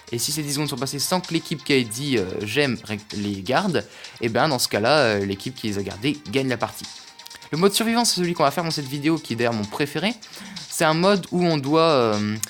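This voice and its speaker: A gaming YouTuber casually comments on a mobile game while playing, hesitant and full of fillers and restarts. His voice is medium-pitched and a bit bright, with game music playing behind him.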